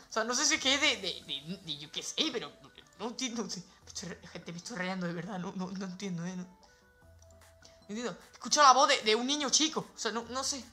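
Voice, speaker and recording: A man with a Spain Spanish accent, commenting live on his gameplay as a streamer, excitable and breaking into shouts and laughs. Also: very high-pitched. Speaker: gaming streamer.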